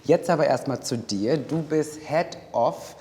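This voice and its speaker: A man's voice: fairly high pitch, unhurried, a little mellow. A man hosting a live event, chatty and enthusiastic as he moderates. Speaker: host. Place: project room in Berlin. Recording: reverberant room sound.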